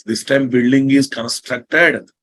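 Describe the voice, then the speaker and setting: A man's voice: medium pitch, fairly even intonation, slow pace, fairly bright tone. A man with an Indian accent lecturing online as a programming instructor, bluntly teasing, repeating his phrases and checking understanding with questions.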